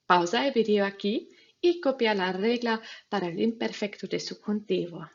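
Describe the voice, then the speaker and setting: A woman teacher speaks slowly and patiently, giving students step-by-step instructions in a recorded grammar lesson. Her voice is a little breathy and husky. The recording sounds somewhat dull and lo-fi. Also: mid-range voice. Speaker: Spanish teacher.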